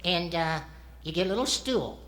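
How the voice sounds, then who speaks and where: A man voicing a cheeky, naive farm-boy ventriloquist dummy with a squeaky voice in a comedy routine. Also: lively intonation, moderate pace, fairly bright tone. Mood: earnest, cheeky. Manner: cheeky, naive comic answers.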